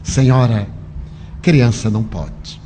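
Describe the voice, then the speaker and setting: A man's voice: mid-range voice, fairly even intonation, slow pace, mellow, a little hiss or hum, pitched below the performer's own voice, lightly acted. A man voicing a firm female hospital nurse.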